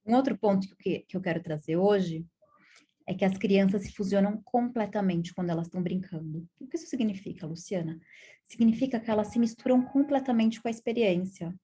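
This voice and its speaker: A woman child psychologist with a Brazilian Portuguese accent gives a calm, explanatory video lesson. Her voice sits at a middle pitch, and she keeps checking in with her listeners through small tag questions. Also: brisk, husky.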